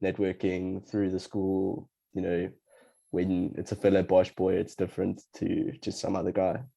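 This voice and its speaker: A man's voice: low voice, completely flat delivery, normal speed, vocal fry, mellow, low-quality recording. A young South African man hosting a podcast in a casual, chatty style. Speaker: podcast host. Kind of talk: casual chat.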